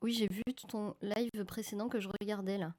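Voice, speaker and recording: Steady and darkish, this woman's mid-range voice moves at a moderate pace as she streams her film photography work. She chats casually to viewers in chat, frequently correcting herself mid-sentence. The live-stream audio from her desk microphone carries a slight crackle.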